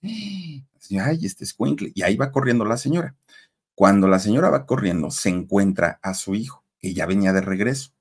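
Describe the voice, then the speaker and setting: Husky low-voiced Mexican storyteller. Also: male voice, a little fast. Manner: conversational, addresses listeners directly. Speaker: horror story narrator. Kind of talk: storytelling horror narration.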